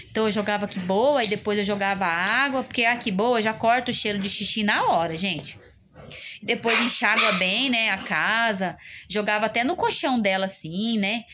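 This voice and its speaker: A woman's voice: medium pitch, fairly bright tone, slight background noise. A woman with a Brazilian accent, a family caregiver, talking casually and at length straight to her viewers, rambling and often turning to address them. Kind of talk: casual vlog talk to viewers.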